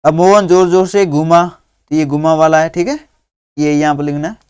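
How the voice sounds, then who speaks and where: A man teaching young children through a workbook, dictating words slowly and patiently one at a time. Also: on the high side, steady tone, darkish tone, clean tone, dry recording, studio quality.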